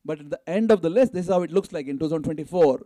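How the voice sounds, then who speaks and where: The recording is dry and of studio quality, capturing a man whose mellow voice sits a little high and comes out rapid-fire. As announcer and fundraiser at a temple event, he delivers live fundraising announcements to the assembled community, exhorting them and prompting their responses.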